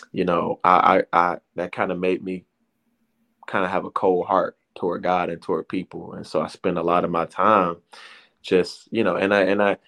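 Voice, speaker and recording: Low and gravelly yet fairly bright in tone, the voice belongs to a Detroit-area man in his thirties who recounts his life as an interview guest. It's casual personal testimony, rambling and slangy, with many restarts.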